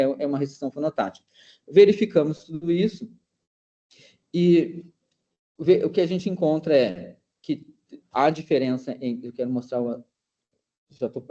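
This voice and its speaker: Male researcher, seminar talk, mellow voice on the higher side, dull lo-fi call audio. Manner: explanatory, with many hesitations and restarts. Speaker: linguistics researcher presenting. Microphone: video call. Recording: dull lo-fi meeting recording.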